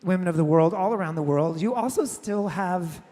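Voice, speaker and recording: A woman interviewer asking measured, prepared questions on stage in front of a live audience. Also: on the low side, mellow. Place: large hall before a live audience. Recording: long hall reverb.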